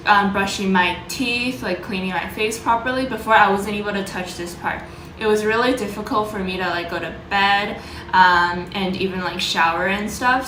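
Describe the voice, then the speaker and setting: A woman vlogger talking informally about her own experience, loosely worded and pausing to search for words. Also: medium pitch, fairly bright tone, echoey room, slight background noise, rough recording. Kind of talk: casual vlog talk, sharing personal experience and tips.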